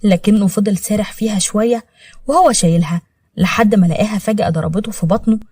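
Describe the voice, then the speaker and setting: A woman with an Egyptian accent narrating a dramatic story in a brisk manner. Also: mid-range voice, darkish tone, breathy edge, dry recording.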